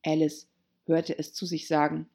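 A woman narrating a children's storybook in an expressive reading voice. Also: low-pitched, a little slow, creaky, husky.

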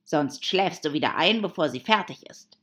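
A woman voicing a gloomy, quarrelsome grown man, a hatter, who speaks slowly and emphatically with sighs. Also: low voice, expressive, background noise. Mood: smug. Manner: slow, emphatic, sighing. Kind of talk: audiobook character voice.

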